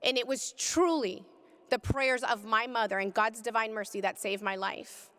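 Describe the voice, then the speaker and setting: A woman's voice: fairly even intonation, moderate pace, a bit bright, long reverb tail. Impassioned woman giving testimony. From California. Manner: impassioned, rising to cries in high moments. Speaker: pro-life speaker. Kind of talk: emotional testimony talk.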